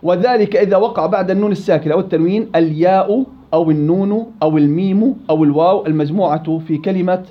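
A man with a Levantine Arabic accent teaching Quran recitation, quizzing students, praising answers and stretching out example words slowly. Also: high-pitched, lo-fi sound. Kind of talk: classroom teaching.

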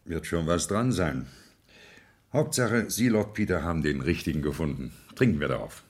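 An actor playing a gruff, moralistic chief inspector in a 1970s radio play, speaking in dry, clipped remarks. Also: male voice, low-pitched, normal speed, a little hiss or hum. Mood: musing.

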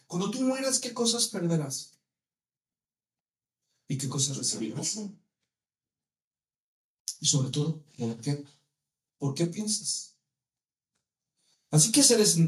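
A man preaching a sermon, lively, with many rhetorical questions to his listeners. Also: high-pitched, reverberant.

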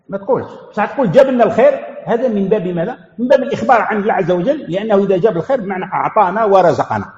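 A man's voice: sits high, a little mellow. A man teaching a religious lesson as a sheikh, asking questions and answering them himself and repeating key phrases. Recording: echoey hall, dull lo-fi sound.

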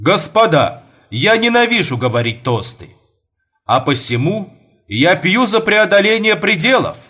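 A man's voice: high voice, sing-song, a little slow, sharp tone, breathy edge, voice pushed up, full character voice. A man voicing a domineering host who turns cruel on his wife, speaking in a commanding, cutting way. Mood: toasting. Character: stern domineering host, father, turning cruel.

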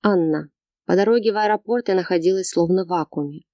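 Woman reading a novel, low mellow voice. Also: quick pace, no echo, highs cut off. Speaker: audiobook narrator. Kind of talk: scripted first-person audiobook narration.

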